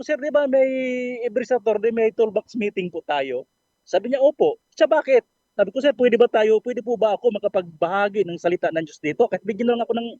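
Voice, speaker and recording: An earnest man sharing his faith story on a radio program, polite and full of fillers and restarts. His voice sits high for a man, and the dry, dull recording sounds muffled. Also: a little mellow, dry recording. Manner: earnest, polite, with frequent fillers and self-corrections. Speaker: caller sharing a testimony.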